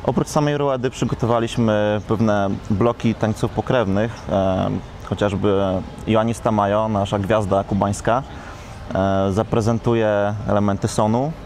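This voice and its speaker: A man's voice: fairly low pitch, steady tone, measured pace, darkish tone, slight background noise. A young man, a dance workshop organizer, answering interview questions in a studio with many hesitations. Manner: explanatory, with many hesitation sounds. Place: studio set in a shopping mall. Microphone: lapel.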